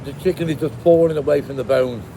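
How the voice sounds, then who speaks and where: Creaky man chewing while he talks. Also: fairly high pitch, fast talker, mellow, a little hiss or hum, low-quality recording. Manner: chewing and eating while talking. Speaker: food reviewer. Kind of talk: casual food review vlog.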